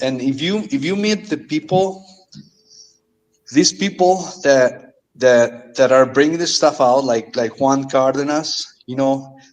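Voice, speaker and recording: Earnest man, halting speech. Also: medium pitch, poor audio. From Mexico. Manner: halting, earnest, repeats words often. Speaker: guest. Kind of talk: casual storytelling.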